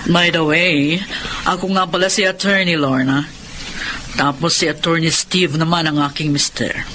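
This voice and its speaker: A woman acts in a Tagalog radio-style drama as a kindly, authoritative married lawyer, motherly yet firm, reassuring and inquisitive, with a friendly, businesslike mood. Her voice is low, sharp and steady, spoken at normal speed with slight background noise.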